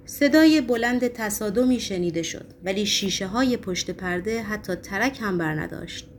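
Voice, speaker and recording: A woman narrating an audiobook in an expressive, dramatic reading style. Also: mid-range voice, slight background noise.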